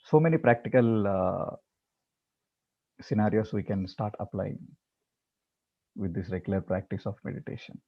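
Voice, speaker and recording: A man teaching a meditation class, talking in a halting way with many repeated words and fillers before leading the practice. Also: lowish voice, vocal fry, breathy edge, lo-fi sound. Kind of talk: talk before guided meditation.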